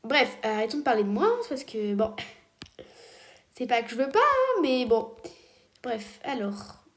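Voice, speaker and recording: A woman, chatting excitedly through a video game with squealing exclamations, often dropping to a whisper. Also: fairly high pitch, measured pace. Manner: often drops to a hushed whisper. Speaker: Roblox player. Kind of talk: casual gameplay commentary.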